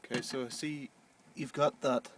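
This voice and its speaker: A man's voice: mid-range voice, fairly even intonation, normal speed. A man in casual, unscripted conversation as a camper van vlogger. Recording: faint background noise.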